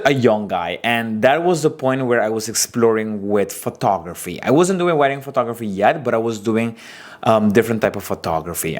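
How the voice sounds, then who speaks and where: A man in his twenties with an Aruban accent, a wedding photographer telling his story and giving business advice in a casual talking-head episode, animated and expressive. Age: 20s. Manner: animated, expressive storytelling with big pitch swings.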